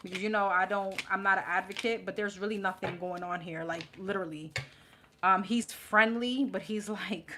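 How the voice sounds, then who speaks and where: Brief: woman, New York accent, live tarot reader, blunt and sassy, mid pitch, audible background noise. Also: fairly even intonation, moderate pace. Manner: blunt, sassy, laughing and chatty.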